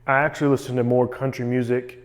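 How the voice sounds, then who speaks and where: A man's voice: mid-range voice, little pitch movement, fast. A man recording a casual personal vlog, talking in an earnest, reflective way. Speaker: vlogger documenting a cold plunge challenge.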